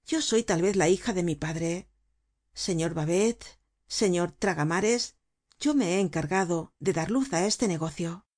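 A woman with a husky, low voice reading a fierce ragged young woman who stands up to armed bandits, speaking firmly and low. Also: a little slow, a little mellow. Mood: coaxing. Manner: firm, low and defiant. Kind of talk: audiobook character reading.

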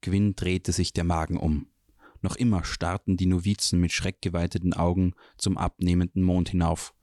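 A man reading a fantasy novel chapter aloud in a calm, even storytelling manner. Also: sits low, moderate pace, no echo, studio quality. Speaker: audiobook reader. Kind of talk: scripted narration of a fantasy novel.

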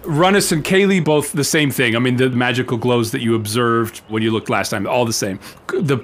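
A man narrating as game master, calm and matter-of-fact. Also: mid-range voice, normal speed.

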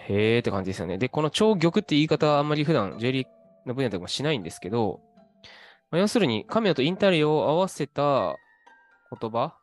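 A man hosting his own video, talking casually with lots of fillers about what he has been reading. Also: on the high side. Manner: relaxed, chatty, with many fillers and asides. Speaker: host.

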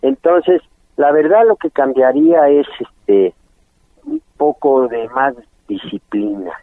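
A man's voice: medium pitch, takes it slowly, dry recording. A man, an interview guest who speaks candidly and chuckles often. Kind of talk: candid casual chat. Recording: tinny phone-like audio with faint music.

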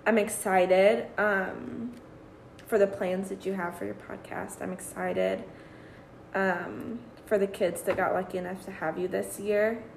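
A woman teacher chatting as a guest interviewer, hoarse from yelling, heartfelt with many fillers. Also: mid-range voice, fairly even intonation, a little slow, slight background noise. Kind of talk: casual podcast chat. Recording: echoey room.

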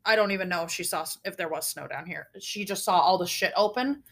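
A young woman co-hosts a podcast, telling a story in casual chat with a lowish, nasal voice and a fast delivery. She's animated, swears often, and rushes breathlessly through her tale.

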